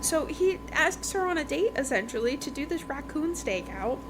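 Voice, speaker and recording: A woman hosting a romance book podcast recaps a book in a casual, rambling, informal chat. Her high-pitched voice is sing-song at a moderate pace, and there's noticeable background noise.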